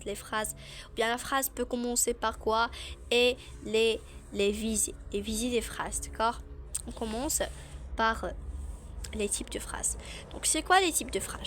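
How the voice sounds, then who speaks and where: A young woman with a Moroccan accent, explaining a French grammar lesson and repeating key terms slowly. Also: fairly high pitch, a bit bright, slight background noise. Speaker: French teacher.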